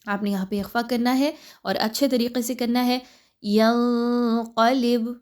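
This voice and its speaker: High-voiced woman teaching Quran recitation. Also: fairly even intonation, a little mellow. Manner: patient, explains pronunciation step by step, then recites slowly and drawn out. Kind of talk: tajweed lesson with slow recitation examples.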